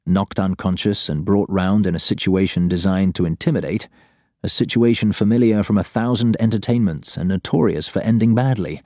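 Low, mellow male audiobook narrator. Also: a little fast, no room sound, clean studio sound. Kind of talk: scripted fiction narration.

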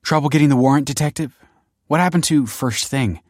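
A man's voice: on the high side, fairly quick, darkish tone, no echo, studio quality, pitched above the performer's own voice, natural voice. A male audiobook narrator voicing a stiff, defensive woman who runs a factory and answers in curt, guarded lines.

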